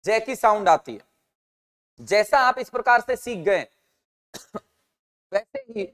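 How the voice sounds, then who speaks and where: A man's voice: extremely high pitch, fairly bright tone, clean tone, in a large hall. A man teaching an English grammar class, asking his students questions and answering them himself, and calling out their names and answers. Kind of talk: online grammar lesson.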